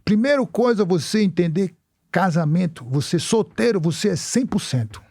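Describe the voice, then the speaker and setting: A stern older father hands out blunt advice in halting, broken grammar, as a man puts him on. The voice sits somewhat high for a man. It is recorded dry and close. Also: expressive, creaky, darkish tone, no room sound, full character voice. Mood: earnest lecturing.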